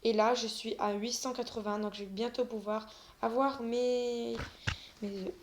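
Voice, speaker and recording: A woman's voice: fairly high pitch, fairly even intonation, a little slow, slight background noise. A woman giving casual commentary while playing a video game, hesitant and full of fillers, and she stammers often. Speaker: gaming video creator.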